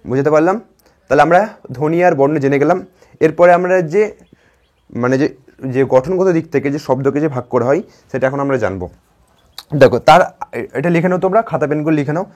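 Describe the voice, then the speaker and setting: A man's voice: a little high, fast talker, long pauses, a little mellow. A man teaching a grammar lesson to children, repeating points and asking if they follow. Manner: repetitive, checks in with "ঠিক আছে?" often.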